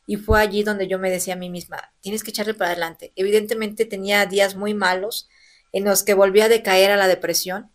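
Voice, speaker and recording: A woman, in her thirties, telling her personal story as an interview guest, earnest and animated. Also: medium pitch, brisk. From Mexico. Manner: earnest, animated, acts out quoted voices. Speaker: interview guest, elected local legislator.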